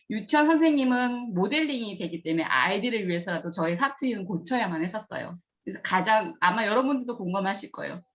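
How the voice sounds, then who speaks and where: A middle-aged kindergarten director from rural Gyeongsang, Korea, gives students an earnest career talk built around stories. She acts out remembered dialogue with lively jumps in pitch.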